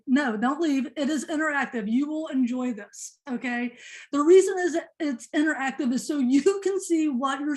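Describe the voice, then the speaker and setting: A woman presenting a teacher workshop on a video call, fast-talking and chatty, joking with her audience. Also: high-pitched, darkish tone. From Indiana. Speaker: professional development presenter.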